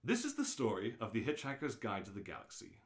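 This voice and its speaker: Speaking briskly in a lowish voice with wildly swooping pitch, a man runs a casual live show indoors in an office. The sound is roomy and echoey, and he rambles, interrupts himself, and jokes as he talks and reads aloud.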